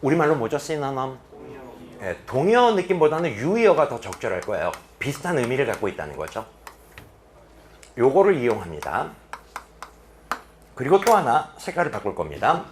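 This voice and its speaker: A man of medium pitch lectures on English reading in a boarding academy classroom, speaking at a moderate pace with long pauses and slight background noise. He animatedly asks students questions he then answers himself, with sharp drops into quiet emphasis.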